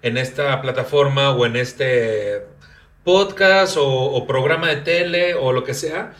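A man's voice: mid-range voice, slow, fairly bright tone. A man with a Mexican Spanish accent hosting a casual podcast, joking loosely and tripping over words while reading a text aloud. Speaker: podcast host.

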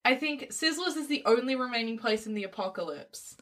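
A woman's voice: on the high side, animated, brisk, a bit bright. A woman co-hosting a casual comedic chat, trading teasing, dry banter. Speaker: co-host.

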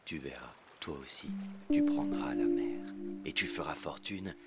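A woman doing a deep old sailor over loud music. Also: a little slow. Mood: reassuring. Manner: gentle, reassuring. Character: kindly old male sailor. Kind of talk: storybook reading. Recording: loud music underneath, distant voice.

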